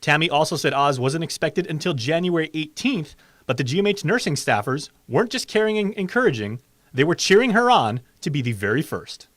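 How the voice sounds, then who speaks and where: Animated male news anchor, higher-pitched. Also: brisk. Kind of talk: scripted news reading.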